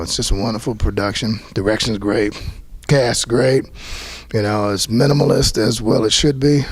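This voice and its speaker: A man's voice: lowish voice, no echo. A man, a playwright, speaking earnestly and reflectively in a talkback interview after a theater performance, often restarting his sentences. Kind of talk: post-show talkback interview.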